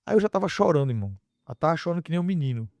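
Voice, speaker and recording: Animated man telling a story. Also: a little high, very fast, dry recording. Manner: lively storytelling, acting out dialogue. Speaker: podcast guest. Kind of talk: casual testimony.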